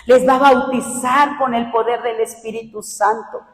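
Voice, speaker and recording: Woman preacher, lively, shouts her points, high voice in a reverberant hall. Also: moderate pace. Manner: animated, shouting for emphasis, laughing asides. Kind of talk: sermon. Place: church hall. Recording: echoey church hall.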